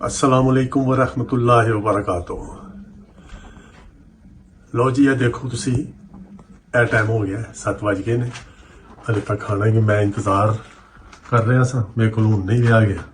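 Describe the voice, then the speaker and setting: A man's voice: on the low side, steady tone, a little slow, long pauses, a little hiss or hum. A man chatting casually to the camera in a home vlog. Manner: chatty, calling loudly to wake someone.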